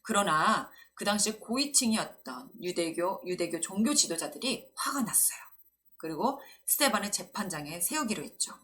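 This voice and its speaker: Lady telling a kids bible story, really lively up and down voice, gentle tone. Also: medium pitch, normal speed. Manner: gentle storyteller, acts out quoted lines. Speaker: children's Sunday school preacher. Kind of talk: storytelling sermon for children.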